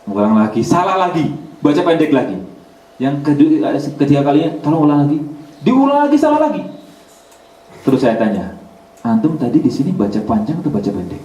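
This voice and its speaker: A man giving a religious study talk, an animated storyteller who acts out dialogue and jumps high in pitch when quoting others. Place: community hall in Germany. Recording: echoey room, speaker far from mic, faint hiss.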